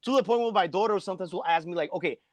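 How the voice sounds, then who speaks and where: A man's voice: high-pitched, very fast, dry recording. A middle-aged man, a math teacher talking casually as an interview guest from his home basement, filling his speech with "like.". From Colombia. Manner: chatty, peppers speech with "like".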